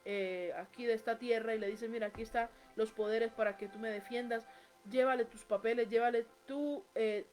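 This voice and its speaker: A woman preaching a sermon, reading scripture aloud and building to emphatic rises. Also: on the high side.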